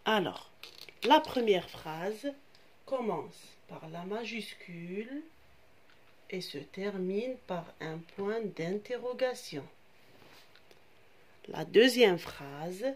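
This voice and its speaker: Woman teacher, very slow deliberate pace, patient repetition for children. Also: mid-range voice, a little hiss or hum. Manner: slow, repeats terms, addresses children, switches to Arabic to explain. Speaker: primary school French teacher. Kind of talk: slow classroom grammar lesson for children.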